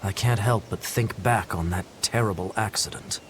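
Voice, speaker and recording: A man's voice: fairly low pitch, moderate pace, slight background noise, natural voice. An actor playing an earnest townsman in a video game, speaking in a conversational storytelling manner. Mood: somber, matter-of-fact. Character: earnest male townsman recounting grim local news.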